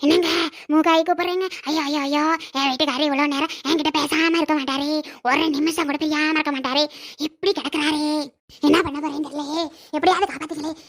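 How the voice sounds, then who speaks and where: A woman's voice: very high-pitched, fast. A woman voicing a nagging, complaining grandmother and mother-in-law in a cartoon, scolding and wailing by turns. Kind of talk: cartoon voice acting.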